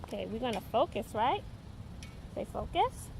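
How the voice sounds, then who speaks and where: Very animated and on the high side, with vocal fry and a moderate pace, a young woman teaches her toddler in a park using sing-song prompts. It's a casual vlog and simple lesson, and outdoor ambient noise fills the background.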